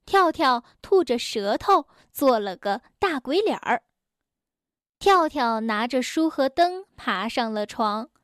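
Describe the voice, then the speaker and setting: Woman storyteller, bedtime story for kids, gentle and unhurried, slow pace. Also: on the high side, no room sound, clean studio sound. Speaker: children's storyteller.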